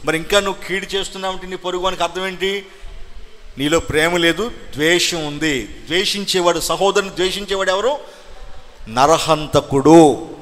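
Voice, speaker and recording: A man preaching a Sunday sermon as pastor, firing questions at the congregation and rising into loud exhortations. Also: high-pitched, fairly even intonation, fairly quick. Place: church hall. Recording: long hall reverb.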